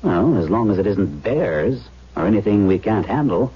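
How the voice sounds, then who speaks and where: An actor playing a practical, brooding man in a haunted-house radio drama, halting as he finds words. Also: lowish voice, lively intonation, slightly rough. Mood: puzzled. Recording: dull old radio broadcast.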